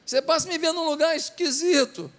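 High-pitched Brazilian pastor preaching passionately. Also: male voice, brisk, a bit bright. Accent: Brazilian Portuguese. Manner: impassioned preaching, acting out voices in stories. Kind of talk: sermon.

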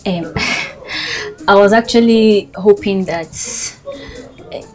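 A woman's voice: sits high, expressive, normal speed. An actress with a Nigerian accent playing a lovesick, dramatic, determined young woman in a comedy skit. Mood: shy, hesitant. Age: young adult. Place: outdoors in a street and inside a small shop.

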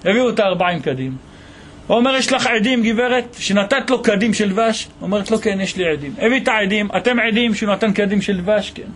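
A man teaching a Torah lesson as a rabbi, telling a story with animated voices for its characters. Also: high-pitched, slight background noise. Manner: animated storytelling, voicing the people in the tale.

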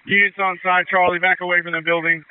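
A man's voice: high voice, flat delivery, quick pace, clean tone. Urgent male fire commander on narrowband radio. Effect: two-way radio transmission. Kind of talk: emergency radio traffic, giving orders.

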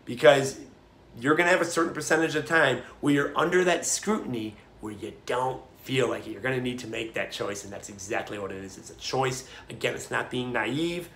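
A young man giving an energetic, emphatic motivational talk, swinging his pitch for emphasis. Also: fairly quick, creaky, reverberant, a little hiss or hum. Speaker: motivational speaker.

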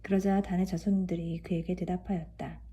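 A woman reading scripture aloud in a calm, even way. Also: lowish voice, fairly quick. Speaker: scripture reader.

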